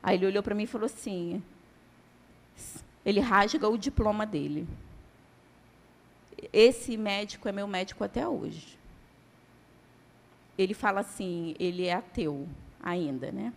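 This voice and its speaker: A woman's voice: medium pitch, unhurried, creaky, pauses often. A woman giving a church testimony as a sermon, telling her story dramatically and acting out the dialogue.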